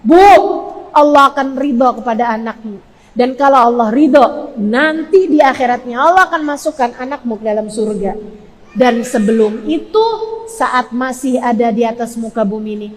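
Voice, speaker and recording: A woman in her forties from Indonesia, preaching to mothers with emphatic, repetitive phrasing that climbs toward near-shouting. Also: fairly high pitch, moderate pace. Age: 40s. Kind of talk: religious lecture to women. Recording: long hall reverb.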